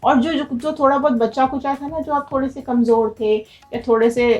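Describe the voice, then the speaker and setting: A woman with a fairly high voice gives a tarot reading straight to her viewers. She talks in an urgent, motivational way, pressing them to act. Soft music plays faintly behind her. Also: steady tone, moderate pace, dull audio. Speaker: tarot reader.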